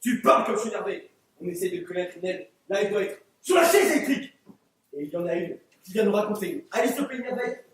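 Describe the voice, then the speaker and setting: A crude, bigoted juror who rants at everyone , acted by a teenage boy on a school stage. The voice sits very high for a man. It rings through an echoing theatre, heard from far back in the hall. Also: big pitch swings, fast talker. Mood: angry. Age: teens. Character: bigoted, hot-headed male juror. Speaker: student actor. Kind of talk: amateur stage play. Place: theatre stage, live performance. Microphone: distant room mic.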